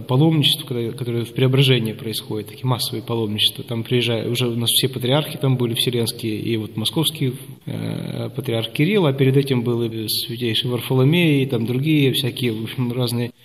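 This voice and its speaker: A middle-pitched man in his fifties from Russia, an Orthodox priest, talks through his memories in an interview. He rambles from anecdote to anecdote and pauses often on hesitant filler sounds. His voice rings out with a long reverb tail, as in a large hall. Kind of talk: interview storytelling.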